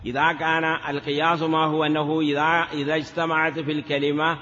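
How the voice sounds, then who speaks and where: A man's voice: on the high side, completely flat delivery, fast talker, sharp tone, big-room sound, muffled recording. A man teaching a grammar lesson in a classroom, asking questions and answering them himself, sometimes drawing words out in a chanting lilt. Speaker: teacher of Arabic morphology. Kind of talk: classroom lecture.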